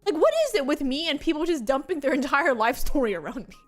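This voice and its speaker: A woman's voice: high voice, expressive, fast talker, faint music behind. A young woman streamer chatting casually and telling rambling, giggly stories. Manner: rambling and giggly, with frequent laughs and filler words. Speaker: VTuber streamer. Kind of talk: casual chat stream, storytelling.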